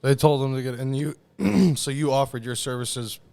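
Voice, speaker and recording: A man's voice: medium pitch, normal speed, gravelly, mellow. A man interviewing an older storyteller, tossing in short prompting questions. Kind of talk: casual interview.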